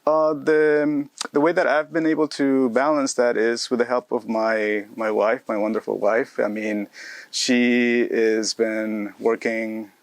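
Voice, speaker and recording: A man's voice: mid-range voice, little pitch movement, a little slow, no echo. A man from Ecuador in his thirties, a postdoctoral researcher answering interview questions in a friendly way with many fillers and restarts. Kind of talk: casual interview.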